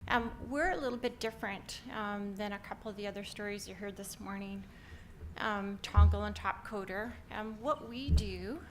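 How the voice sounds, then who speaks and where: With a little hiss or hum behind her, a Canadian company founder in middle age presents upbeat at a conference. Her medium-pitched voice moves at a moderate pace, and her Canadian-accented talk is full of ums.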